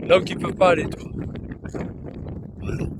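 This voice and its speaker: Out in a cow pasture, a man films on his phone and rambles casually to the camera at a moderate pace, with very noisy audio. He is chatty and repetitive, now and then cooing to the cows in a high sing-song voice.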